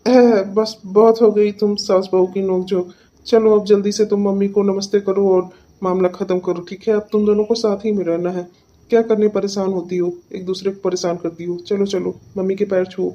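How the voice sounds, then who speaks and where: A young husband caught between mother and wife in a cartoon, voiced by a woman. He coaxes and placates in a mellow tone, on a slightly dull recording. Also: mid-range voice, little pitch movement, moderate pace, natural voice. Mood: coaxing. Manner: coaxing, placating.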